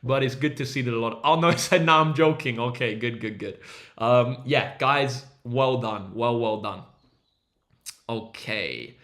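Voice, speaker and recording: An upbeat man hosts a maths livestream in a mid-range, fairly bright voice, speaking a little slowly. Teaching casually, he hypes up viewers and reads chat names aloud.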